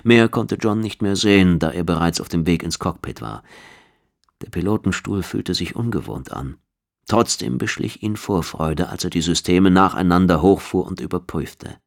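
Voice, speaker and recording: A man reads scripted story narration with a steady, measured delivery. His voice sits very low. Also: creaky. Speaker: audiobook narrator.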